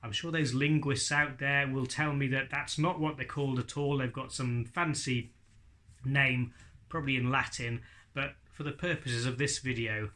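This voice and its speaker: A middle-aged ventriloquism teacher gives an informal, chatty lesson in an instructional video, sprinkling in jokey asides. His voice is mid-range with a steady, sharp tone at a moderate pace.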